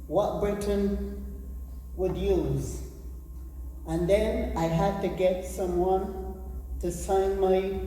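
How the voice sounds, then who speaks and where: Older Barbadian woman, slow and dark-voiced. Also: medium pitch, slight background noise. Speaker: audience member sharing a story. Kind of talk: spoken recollection. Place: large echoey church hall. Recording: distant voice in echoey hall.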